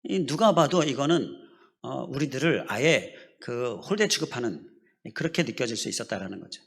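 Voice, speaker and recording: A middle-aged pastor preaches with an animated, gravelly, slightly rough voice of medium pitch, speaking at normal speed. He explains scripture step by step, asks the congregation questions, and leads them in repeating phrases.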